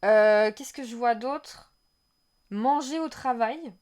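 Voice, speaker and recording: A fairly high-voiced woman talks her way through a game trailer on a live stream, speaking straight to her viewers. She rambles, restarts and reads their chat aloud, and bursts out in excitement whenever something new shows up on screen. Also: slow, smooth. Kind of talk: casual live-stream reaction.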